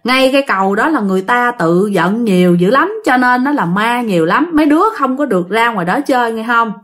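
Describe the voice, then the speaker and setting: A woman's voice: on the high side, lively intonation, brisk, a bit bright. A woman voicing a stern grandmother who scolds her grandchildren in a told ghost story. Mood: scolding.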